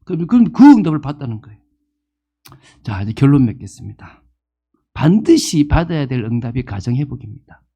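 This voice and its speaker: A man's voice: mid-range voice, sing-song, fairly quick, pauses often, warm tone, breathy edge. A man in his fifties preaching a sermon as pastor, asking the congregation questions and acting out the people he quotes. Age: 50s.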